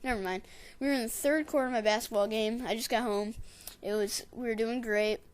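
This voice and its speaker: A woman casually narrating her gameplay in a rambling, digressive way, and getting excitable when she tells a story. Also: on the high side, brisk, smooth. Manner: excitable, shouts catchphrases when retelling. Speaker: gameplay commentator.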